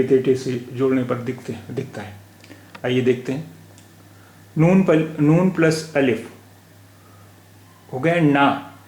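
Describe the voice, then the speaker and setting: A man teaching letters and words in a slow spoken lesson, patiently repeating each sound aloud, with an Indian Hindi-Urdu accent. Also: fairly high pitch, darkish tone. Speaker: language teacher. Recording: echoey room recording.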